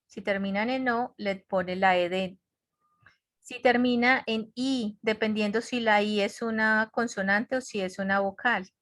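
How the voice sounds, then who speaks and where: Woman teacher, unhurried online grammar lesson, patient repeated explanations, dry close sound. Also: medium pitch, steady tone, fairly bright tone, no echo. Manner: patient, repetitive explaining with frequent check-ins. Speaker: English teacher. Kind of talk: online class lecture. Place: home office on a web conference.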